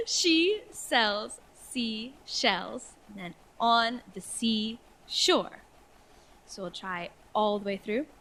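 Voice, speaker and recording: A woman, a singing tutor leading a vocal warm-up lesson in an encouraging, cheerful way, slowing down to spell out each phrase. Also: a little high, rough recording. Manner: encouraging, cheerful, speaks slowly and clearly when demonstrating.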